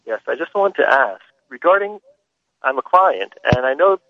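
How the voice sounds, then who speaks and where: A man's voice: mid-range voice, lively intonation, moderate pace, no room sound. A man calling in to a radio show over a phone line, asking curious follow-up questions. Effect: caller heard over a phone line. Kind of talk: call-in question.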